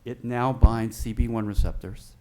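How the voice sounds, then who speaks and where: A man teaches a class in a large hall, and his voice echoes back off the walls. He explains patiently in small steps and pauses to check in with his listeners. The hall reverb stays on every phrase. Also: mid-range voice, flat delivery, dark tone. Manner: explanatory, checks in with "okay?" and car analogies. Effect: echo of a big hall on his voice. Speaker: lecturer. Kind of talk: teaching lecture on brain science.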